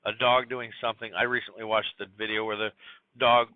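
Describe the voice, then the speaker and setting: A man's voice: lowish voice, little pitch movement, brisk, dry recording. Rambling man on a tinny line. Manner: rambling, scattered, with many fillers and restarts. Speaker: podcast host. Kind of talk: casual solo podcast monologue. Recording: tinny phone-like dry recording.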